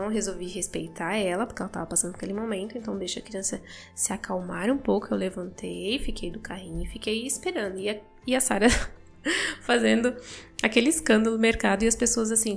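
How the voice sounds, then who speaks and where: A woman's voice: medium pitch, fast, vocal fry, husky, faint music behind. A young Brazilian woman chatting casually as a podcast host and mother, telling a story with lots of tag questions and acted-out dialogue. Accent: Brazilian Portuguese.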